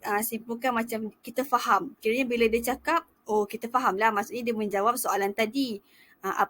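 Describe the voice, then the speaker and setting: A young woman student teacher talks through a lesson in a relaxed, chatty way. Her voice sits a little high, and she often pauses briefly to begin a point again before carrying on. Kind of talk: casual explanatory lecture.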